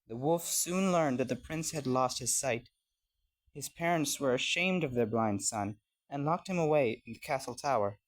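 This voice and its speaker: A man reads a scripted fairy tale as a storyteller, his medium-pitched voice carrying an expressive storybook delivery.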